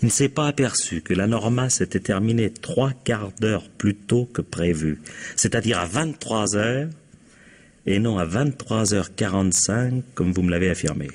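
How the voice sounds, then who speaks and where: In a French mystery radio play, a shrewd, self-assured male police inspector explains a crime in a husky, low voice with lively intonation. He sounds accusing, measured and probing, quietly triumphant, ending his points with "hein?"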